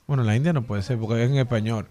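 Fast-talking man telling stories. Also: mid-range voice. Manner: animated anecdote teller. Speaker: radio panelist. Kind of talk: storytelling in casual banter.

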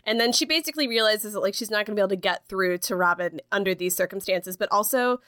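A woman co-hosting a casual book discussion, chatty and full of quick asides. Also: mid-range voice, a bit bright, no echo, studio quality. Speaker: podcast co-host.

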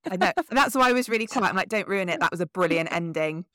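A woman's voice: lowish voice, animated, fast, sharp tone, soft background music. A woman co-hosting a podcast, playful and teasing in casual chat. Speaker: podcast co-host.

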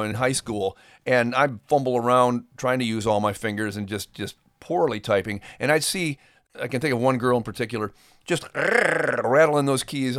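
Speaking earnestly and folksily to his audience, this middle-aged podcast host, who is also a ministry performer, keeps things conversational. His pitch sits in the middle and sounds a bit bright. The sound is studio grade, free of echo.

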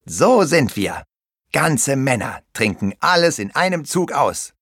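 A man voicing a small, boastful and bossy pirate captain in a children's audiobook, in a high, blustering voice. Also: sing-song, measured pace, breathy edge, dry recording, studio quality, heavily acted. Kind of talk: audiobook character voice.

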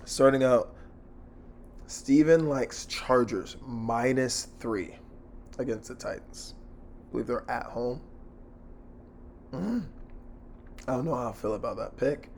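Hoarse, gravelly man hosting a sports podcast. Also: mid-range voice, slow pace, long pauses, darkish tone, a little hiss or hum. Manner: blunt, slangy, sweary. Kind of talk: casual solo sports betting commentary.

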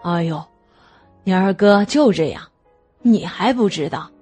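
An easygoing, indulgent eldest brother in an audio story, acted by a woman narrator in a lowered voice. His voice is low, soft and raspy, and it sounds set back from the mic. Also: animated, measured pace, soft background music.

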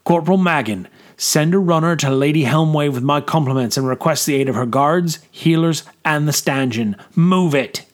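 A man's voice: a little high, moderate pace, few pauses, lightly acted. A man voicing a commanding scarred major. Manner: firm, clipped orders. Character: battle-scarred male major, commanding and decisive. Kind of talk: audiobook character voice.

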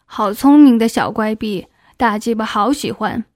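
A woman reading the part of a domineering middle-aged male official in an adult audiobook, in a coaxing, breathy, slightly lowered voice. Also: normal speed, a little mellow, no echo, clean studio sound, close to an everyday voice. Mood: lewd coaxing.

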